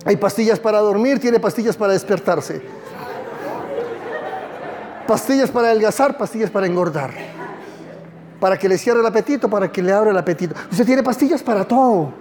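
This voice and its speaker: A male pastor preaching a sermon with impassioned call-and-response, swinging from loud declarations to hushed lines. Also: sits high, animated, fairly quick, pauses often, a faint crowd, slight background noise.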